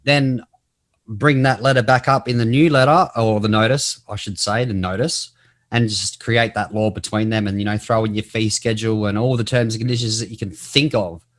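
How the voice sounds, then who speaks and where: A man's voice: on the low side, fairly even intonation, moderate pace, a bit bright. A man hosting a casual discussion in a blunt, colloquial, opinionated way. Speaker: host.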